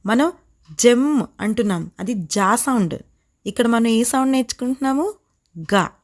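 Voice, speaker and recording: A woman with a Telugu accent teaching English pronunciation, sounding out example words slowly and repeating each sound, sometimes playfully stern. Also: a little high. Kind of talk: phonics lesson with example words.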